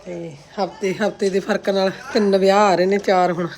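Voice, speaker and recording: A woman's voice: mid-range voice, little pitch movement, normal speed, darkish tone. A woman of about forty, chatting casually for a home vlog in a homely, exclaiming, complaining aunty manner. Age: around forty. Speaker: vlogger. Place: outdoors in a farmhouse yard. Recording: clear background noise, outdoor ambience.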